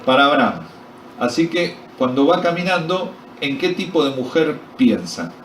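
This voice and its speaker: A man's voice: a little high, expressive, moderate pace, a bit bright, slight background noise. A man with an Argentine accent preaching a sermon at a men's retreat, quizzing his audience and joking as he tells the story. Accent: Argentine Spanish. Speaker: pastor. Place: retreat meeting hall. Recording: echoey hall recorded from far off.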